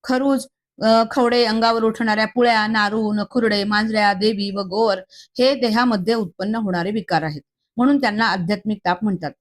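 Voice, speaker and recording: A woman reads a devotional text aloud at an even, measured rate. Her voice sits in an ordinary middle register. She works through a long list with small slips and restarts. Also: mid-range voice. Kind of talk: reading a Marathi scripture commentary aloud.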